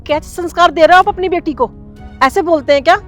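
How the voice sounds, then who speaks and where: Actress as a high-voiced, earnest, indignant neighbor, faint music. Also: female voice, normal speed, natural voice. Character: hurt, dignified neighbor woman, heavyset.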